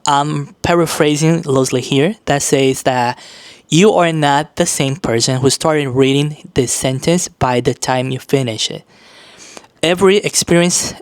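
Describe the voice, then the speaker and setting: A man from Brazil giving an earnest, reflective vlog monologue, slowing down on key phrases. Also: on the high side, clean tone, dry recording. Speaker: vlogger.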